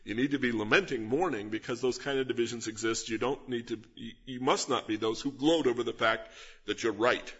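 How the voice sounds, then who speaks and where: In a slightly dull, lo-fi recording, a pastor earnestly teaches an expository sermon, emphasizing key words and asking his listeners rhetorical questions. His husky, somewhat breathy voice is mid-range and fairly bright, and he speaks briskly.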